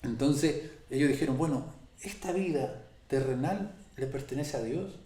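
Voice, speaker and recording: A man talks through a Bible study in an earnest way, slowing down and leaning on the verses he quotes. His voice is dark and mellow, and it rings around a roomy space. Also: on the high side. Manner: earnest, slows and stresses key phrases when quoting scripture. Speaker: pastor. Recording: echoey room.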